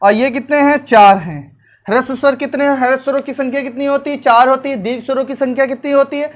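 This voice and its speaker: A woman's voice: high voice, fast talker. A woman teacher giving an exam-prep lecture, repeating points and asking questions that she answers herself. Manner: repetitive drilling, asks and answers own questions.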